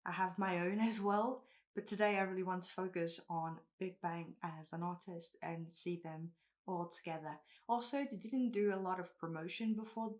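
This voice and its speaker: A woman's voice: on the low side, fairly even intonation, normal speed. A woman hosting a music reaction video, talking straight to her viewers in a thoughtful, hedging way, a little out of breath and nervous. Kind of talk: casual reaction commentary.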